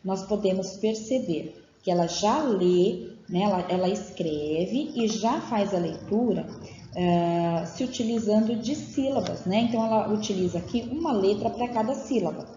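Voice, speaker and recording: A woman's voice: medium pitch, moderate pace, warm tone. Woman giving an echoey training lecture. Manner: explains patiently, with frequent check-in tags. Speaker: teacher trainer. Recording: dull, echoey room audio with faint noise.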